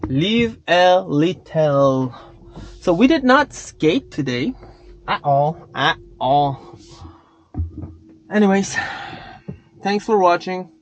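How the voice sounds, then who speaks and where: A vlogger, a man who isn't a native English speaker, rambles to his chat and swears casually. His voice is high and animated, his pace slow with long pauses, and faint music plays behind him on a dull lo-fi recording.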